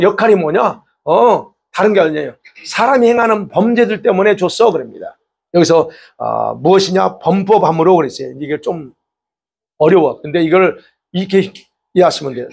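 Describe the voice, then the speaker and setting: Husky man preaching, keeps asking questions and hammering the point, high voice. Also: a little mellow. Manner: explains by rhetorical questions and repetition; emphatic. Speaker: pastor. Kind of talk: sermon.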